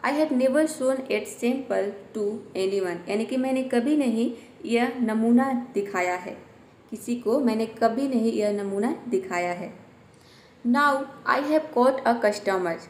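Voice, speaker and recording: Teaching English sentences word by word, a woman slowly repeats each one along with its meaning. Her fairly high voice is unhurried and a little mellow, with a slight hiss or hum. The room around her echoes.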